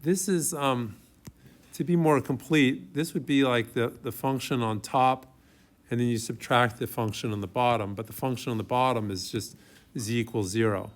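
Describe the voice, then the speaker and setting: A man gives a classroom math lecture in a mid-pitched voice. He talks informally, thinking aloud as he writes, and often turns to the students with a question. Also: fairly even intonation, moderate pace. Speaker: math professor. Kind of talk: classroom lecture, working through problems aloud.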